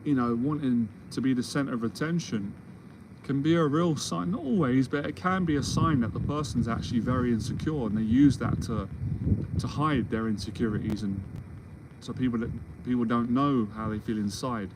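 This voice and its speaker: Casting: man, 40s, mentor type, rambling reassuring monologue, mid pitch, audible background noise. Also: normal speed. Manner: rambling, restarts often, reassuring. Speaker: confidence mentor. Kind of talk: solo Q&A monologue. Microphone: livestream or video call setup.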